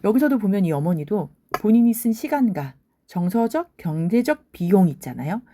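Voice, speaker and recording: A woman's voice: mid-range voice, big pitch swings, moderate pace, warm tone, a little hiss or hum. A woman talking casually and reflectively about a TV drama, musing aloud as she goes. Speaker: drama reviewer. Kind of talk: casual commentary.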